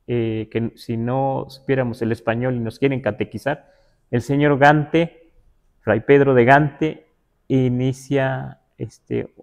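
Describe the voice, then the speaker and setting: A man from the Huasteca region of Mexico, with a medium-pitched, darkish voice, teaches a livestreamed Nahuatl class. He reads passages aloud and slowly explains them word by word, checking in with listeners by asking "¿verdad?"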